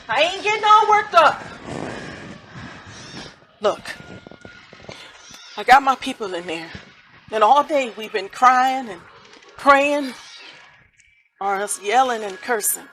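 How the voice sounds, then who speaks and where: A woman's voice: a little high, animated, slow pace, pauses often, a little hiss or hum, low-quality recording. A woman playing a grieving, furious mother. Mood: bitter. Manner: colloquial, swinging between hushed grief and angry outbursts. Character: grieving mother, raw with sorrow and rage. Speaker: mother of a son shot by police. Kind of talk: stage play acting.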